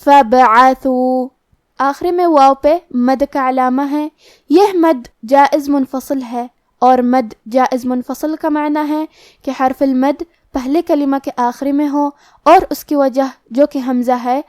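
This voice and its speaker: A woman teaching the rules of Quran recitation in a scripted lesson, explaining each rule step by step and reciting the words slowly. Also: high-pitched, steady tone, a little mellow, dry recording, studio quality.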